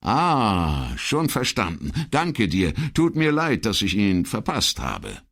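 A man voicing a middle-aged police commissioner who speaks in a hurried, uneasy and halting way. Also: on the low side, wildly swooping pitch, fairly bright tone, voice pushed up, exaggerated voice. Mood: tense.

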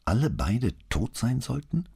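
A male reader voicing a patient, courteous middle-aged police detective who asks gentle, polite questions. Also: mid-range voice, very animated, measured pace, vocal fry, husky, voice pushed up, full character voice. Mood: gently probing.

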